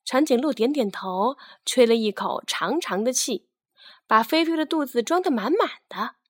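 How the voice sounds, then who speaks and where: A children's storyteller with a fairly high voice tells a fairy tale at normal speed, reading in an expressive, scripted way. The recording is close and dry, with no room sound.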